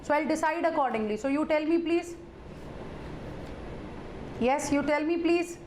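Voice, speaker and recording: A woman teacher with a high voice and a North Indian accent gives a live lecture. She speaks straight to her students, repeats her phrases and slips in Hindi interjections. The room is echoey, with faint noise behind her. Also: a little slow.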